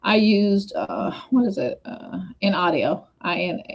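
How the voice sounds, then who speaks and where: A woman hosting a casual livestream chat on a video call, talking fast and jumping between points with many asides. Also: medium pitch, animated, creaky, muffled recording. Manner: fast, scattered, chatty with repeated asides.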